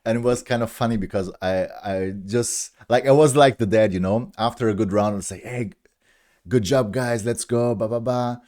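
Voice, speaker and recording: A German-accented man in his thirties hosts a live stream, chatting casually with viewers in a lowish, slightly mellow voice at a moderate pace. He rambles, chuckles at himself, and restarts his sentences often.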